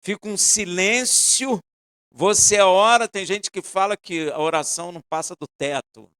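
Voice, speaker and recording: A man preaching a sermon, asking the congregation pointed questions and swinging between loud emphasis and quiet asides. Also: sits high, moderate pace, clear, resonant tone, no echo, studio quality.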